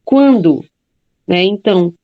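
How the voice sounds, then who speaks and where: A woman's voice: mid-range voice, animated, slow pace, phone-quality sound. A woman teacher giving a classroom lecture, explaining step by step and often checking in with her students.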